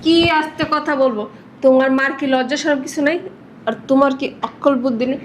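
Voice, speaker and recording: An actress playing a spiteful young wife who insults and shouts at her husband about his mother. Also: on the high side, normal speed, slight background noise, lightly acted. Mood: scornful.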